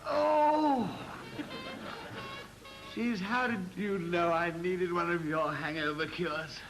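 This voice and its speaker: High-voiced, flustered English toff. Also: male voice, takes it slowly, gravelly, over music, full character voice, poor audio. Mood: relieved. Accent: upper-class English. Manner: dithering, exclamatory, affected period slang. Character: amiable, flustered upper-class young gentleman idler. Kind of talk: period comedy acting.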